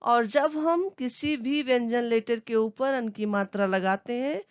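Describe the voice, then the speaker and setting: A woman's voice: on the high side, unhurried, clean tone, no room sound, dull audio. A woman teacher giving a lesson to children, explaining patiently step by step.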